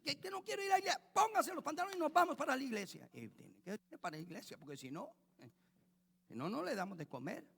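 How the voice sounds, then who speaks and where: Male pastor, slightly higher voice, sermon in a church with long hall echo, repetitive rhetorical preaching. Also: vocal fry.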